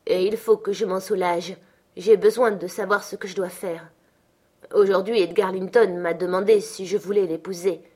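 A woman's voice: medium pitch, a little mellow, lightly acted. A woman voicing a capricious, petulant young woman in an audiobook, pleading and insistent. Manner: urgent and insistent. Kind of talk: audiobook character reading.

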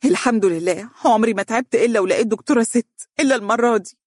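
Reader doing a tearful young Egyptian woman patient, high and strained, dry audiobook sound. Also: rapid-fire, darkish tone, slightly rough, no room sound, lightly acted. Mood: distressed. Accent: Egyptian Arabic.

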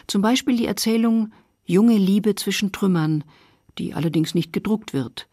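A woman narrating a radio feature in a measured, factual way. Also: mid-range voice, dark tone, no room sound, clean studio sound. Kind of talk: scripted narration.

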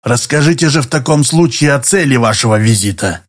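A man's voice: mid-range voice, expressive, a little fast, lightly acted. A man reading an audiobook, voicing a falsely polite middle-aged tenant who turns curt and wary. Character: smooth-then-suspicious middle-aged male tenant.

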